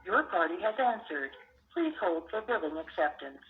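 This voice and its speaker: A woman's recorded operator announcement playing over a payphone line, measured and formal. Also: lowish voice, very animated. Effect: recorded prompt over a payphone line. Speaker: automated phone operator. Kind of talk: scripted automated announcement. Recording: muffled phone line with faint noise.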